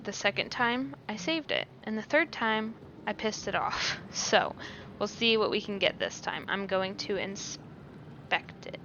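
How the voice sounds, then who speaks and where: A woman's voice: on the high side, very animated, measured pace, gravelly, pushed and bright, lo-fi sound, a little hiss or hum. A woman giving casual, chatty gameplay commentary as she hosts her own playthrough. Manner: chatty, reads choices aloud. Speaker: gamer, playthrough host.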